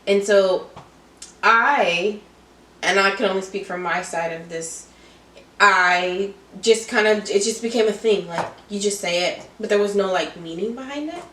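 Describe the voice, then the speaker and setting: A woman's voice: mid-range voice, a little slow, a bit bright. Woman, group-chat host, reflective, conversational, questioning, distant mic, roomy echo. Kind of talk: casual faith-based group discussion.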